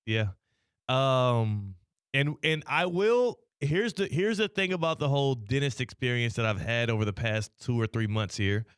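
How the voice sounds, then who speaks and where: A man's voice: medium pitch, expressive, moderate pace, clear, resonant tone, no echo, clean studio sound. An American man hosting casual radio chat, his speech a little slurred, with a mouth half numb from the dentist. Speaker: sports radio show host. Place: radio studio.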